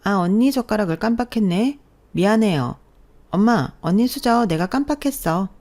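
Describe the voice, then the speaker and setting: A woman voicing a spiteful young sister-in-law, speaking higher and louder than her own narration, with a mocking, needling manner. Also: animated, moderate pace, lightly acted.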